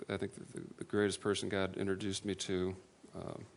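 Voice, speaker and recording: A man giving a personal testimony to an audience, earnest and self-deprecating, with halting restarts. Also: low voice, completely flat delivery, gravelly. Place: room with an audience.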